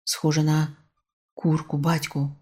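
A woman's voice: low-pitched, level tone, a little slow, a little mellow, slightly rough. Woman reading a puzzled young fisherman's son. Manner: questioning, naive.

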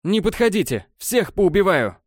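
A man voicing a frenzied long-haired male elf stalker who screams threats in a raised, loud voice. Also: a little high, animated, moderate pace, no room sound, studio quality, voice pushed up, lightly acted.

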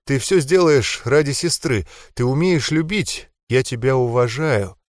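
A man's voice: medium pitch, measured pace, no echo, clean studio sound. A man narrating a first-person audiobook in a grim, tense manner.

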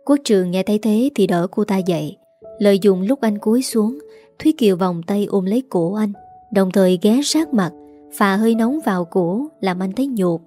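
A woman's voice: medium pitch, normal speed, warm tone, soft background music. A woman reading a serialized drama story aloud, voicing every character in her own voice. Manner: reads every character herself with small voice shifts.

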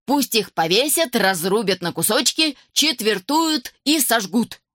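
Storybook figure: a self-important old judge, oily and flattering, voiced by a woman narrator. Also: a little high, unhurried, no echo, studio quality. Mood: gloating. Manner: fawning, flattering tone. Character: pompous, cruel old male judge in a wig. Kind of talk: storybook reading.

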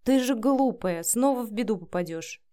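A woman reading the part of a protective female friend who gives firm, brisk instructions in an audiobook. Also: fairly high pitch, lively intonation, dark tone, close to an everyday voice. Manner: brisk, firm, caring but bossy.

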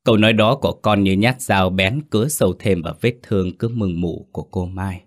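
Man, storyteller, ghost story narration, steady somber reading, very deep voice. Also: a little fast.

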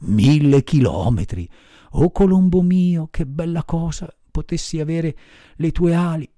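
A man voicing an eager, impulsive wooden puppet boy in a high, pleading, excitable storybook voice. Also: unhurried, no echo, studio quality, lightly acted. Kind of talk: audiobook character voice.

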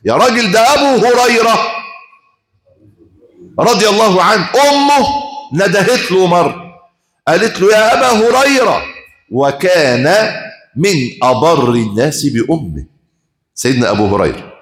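Impassioned Egyptian preacher, roomy echo. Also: male voice, high voice, very animated, normal speed, long pauses, a bit bright. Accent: Egyptian Arabic. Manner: impassioned storytelling, rhetorical questions. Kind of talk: Friday sermon.

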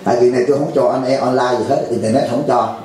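A man's voice: medium pitch, fairly even intonation, fast, dark tone, heavy reverb, poor audio. A man giving a dharma talk to a lay audience, jovial and teasing, acting out a pleading caller. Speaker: Buddhist monk teacher.

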